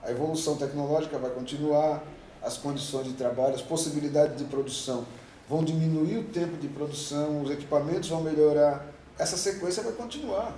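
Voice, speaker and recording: Pitched on the high side and warm, the voice moves fairly quickly. It's a Brazilian union president in his fifties, with a Brazilian Portuguese accent, answering interview questions at length with emphatic rambling and lots of rhetorical questions. The room is echoey and the mic distant, with faint noise.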